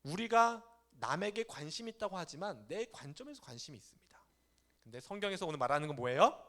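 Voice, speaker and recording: A man's voice: on the high side, a little fast. A young man, a youth pastor, preaching casually to teenagers and acting out quoted parents and kids. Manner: animated, acts out parents and teens in quoted voices. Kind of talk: sermon to teenagers. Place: church sanctuary.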